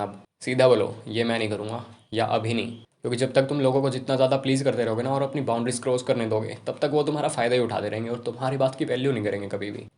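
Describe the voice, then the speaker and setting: A young man giving casual self-improvement advice to camera, talking rapidly and informally. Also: medium pitch, darkish tone. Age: young adult.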